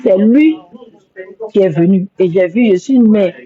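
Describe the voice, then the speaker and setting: A woman's voice: medium pitch, lively intonation, unhurried. A woman speaking on a live stream, rambling and repeating herself as she apologizes with emotion. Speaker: social media livestreamer. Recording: dull lo-fi phone audio.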